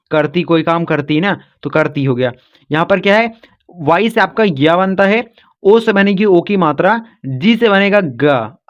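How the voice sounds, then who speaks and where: A man's voice: high voice, fairly bright tone. A man teaching a patient, repetitive phonics lesson and calling his viewers children. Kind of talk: classroom-style phonics lesson. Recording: dull lo-fi sound.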